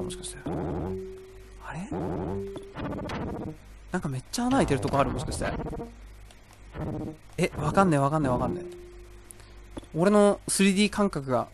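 Man, young adult, let's-play commentary, lively pitch, rambling to himself, loud game music behind. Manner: talks to himself, rambling and exclaiming. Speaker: gameplay commentator.

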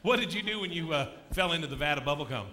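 A man's voice: on the high side, lively intonation, fast, sharp tone. A man, a ventriloquist playing the patient straight man to his puppet on a comedy theater stage. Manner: patient, plain, lets the puppet lead. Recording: live theater with faint crowd.

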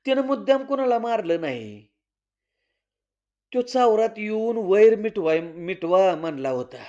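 A man voicing an earnest rural mother, steady and protective, speaking in a firm counselling tone. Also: high-pitched, a little slow. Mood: defending. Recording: slightly dull lo-fi recording.

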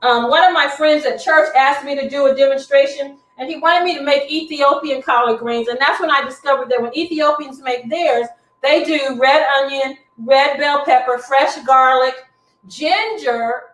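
A middle-aged woman hosts a live cooking demonstration in her home kitchen, chatty and instructive as she cooks. Her high, slightly bright voice moves at normal speed, picked up by a far camera across the roomy kitchen.

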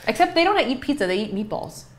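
A woman's voice: fairly high pitch, big pitch swings, quick pace. A woman co-hosting a casual livestream from home, chatting wryly while taste-testing food. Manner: wry, chatty. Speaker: co-host.

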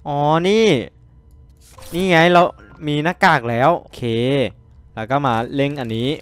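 A young man, commenting on a horror game he plays, excitable and swearing, yelping when startled. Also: on the high side, a little slow. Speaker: gaming streamer.

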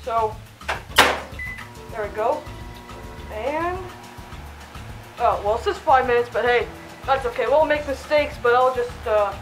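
A woman's voice: fairly high pitch, a little slow, long pauses, reverberant, music in the background, poor audio. A woman hosting a playful cooking tutorial in a home kitchen, chatty and mock-instructional, talking from inside a costume head. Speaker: channel host cooking in fursuit.

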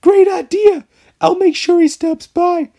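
A man voicing a perky young woman customer in a cafe game, in a squeaky falsetto with exaggerated sweetness. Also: steady tone, unhurried, mellow. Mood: chirpy.

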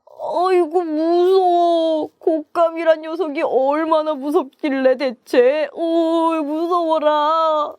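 A woman's voice: fairly high pitch, extremely slow, no echo, voice pushed down. A woman voicing a hungry, boastful male tiger who scares easily, with growls and groans, in a children's puppet show. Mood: frightened.

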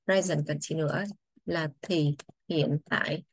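A woman English teacher, patiently explaining grammar to children, saying English phrases slowly before translating them. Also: low-pitched, steady tone, no echo.

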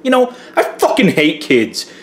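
A man speaking crudely and bitterly in a rushed mutter. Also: fairly high pitch, big pitch swings.

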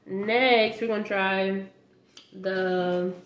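A woman's voice: medium pitch, steady tone, very slow. A young adult woman giving a casual, playful taste-test chat to camera with informal banter, recorded indoors at home. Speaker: vlog host. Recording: echoey room with faint noise, handling clicks.

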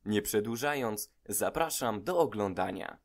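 A man hosting a dubbing channel, reading an even, informative scripted introduction. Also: lowish voice, unhurried. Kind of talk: scripted narration.

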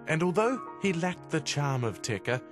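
A man's voice: fairly high pitch, big pitch swings, normal speed, over music. A man giving wry, tongue-in-cheek scripted narration for a mock documentary.

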